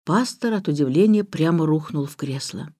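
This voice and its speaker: A woman's voice: low voice, lively intonation, normal speed, dark tone, no echo, studio quality. Woman reading a storybook aloud. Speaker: audiobook narrator. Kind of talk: storybook narration.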